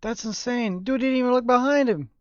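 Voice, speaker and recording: A woman streamer giving casual, slangy, amused reaction commentary with quick exclamations. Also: a little high, darkish tone, no room sound, highs cut off. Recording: background noise.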